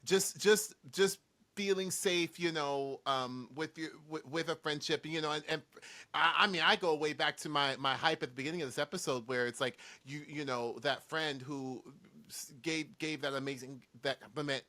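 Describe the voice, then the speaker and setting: A man co-hosting a podcast, excitable and stammering through restarts in casual chat. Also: on the high side, moderate pace. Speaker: podcast co-host.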